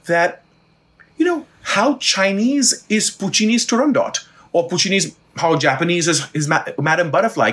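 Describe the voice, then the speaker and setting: A middle-aged man from India, an actor talking bluntly and with animation in a casual conversation. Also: a little high. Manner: blunt, animated, swears freely. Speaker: actor, guest.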